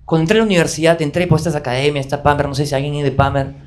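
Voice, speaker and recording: Young male stand-up comic, lively storytelling, salty and animated, a bit high-pitched. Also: racing. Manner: animated, swearing, self-addressing. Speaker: stand-up comedian. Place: theater stage.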